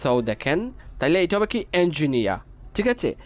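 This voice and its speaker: A man's voice: a little high, very animated, normal speed, dull audio. A man teaching English pronunciation in an online class, breaking words into single sounds, repeating them and checking in with the students.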